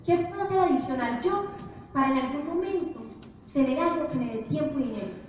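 High-voiced woman in an echoey hall. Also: a little fast, a little hiss or hum. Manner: animated storytelling to an audience. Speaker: business presenter. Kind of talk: motivational presentation. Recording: echoey hall, distant, dull.

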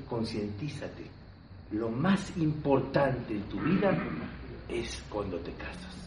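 A man giving a religious lesson. He tells stories emphatically, repeats himself, and swings between loud stresses and hushed asides. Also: medium pitch. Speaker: rabbi teaching a class. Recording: roomy, distant, dull hall recording.

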